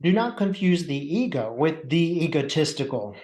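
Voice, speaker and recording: A man speaking as a seance medium, channeling a calm, wise collective of spirit teachers in formal, measured phrases with deliberate pauses. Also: fairly high pitch. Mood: patient teaching. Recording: echoey room.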